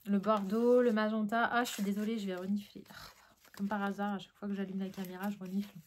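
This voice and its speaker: This clip has a French woman chatting excitedly on a home vlog as she unpacks art supplies, sniffling from a tickly nose and using plenty of fillers. Her pitch is medium, she talks fast, and the recording is very noisy.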